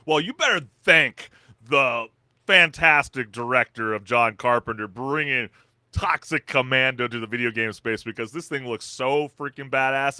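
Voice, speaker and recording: A man's voice: medium pitch, bright, forceful tone, no room sound, studio quality. A man co-hosting a gaming podcast, running through game news in an upbeat, salesy way with lots of fillers. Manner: hyped, salesy delivery with many fillers. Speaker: podcast co-host.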